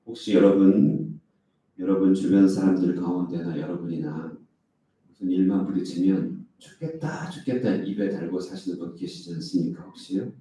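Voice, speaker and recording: A man's voice: deep voice, steady tone, normal speed, mellow. A male pastor preaching an early-morning sermon, asking the congregation rhetorical questions and acting out complaints in a raised voice. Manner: acts out quoted complaints in a raised voice. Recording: echoey hall, speaker far from the mic.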